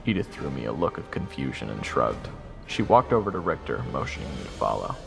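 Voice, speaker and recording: A man voices a weary, wry young soldier in an audio roleplay, narrating and speaking dialogue with sarcastic, exasperated casualness. His bass voice is gravelly and fairly quick, with big pitch swings and a heavily acted style, over soft background music.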